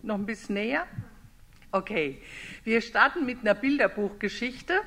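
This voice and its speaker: An older woman from Germany, a theology lecturer, giving an informal, lively public talk and reading a picture book aloud in a storyteller's rhythm. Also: mid-range voice, moderate pace.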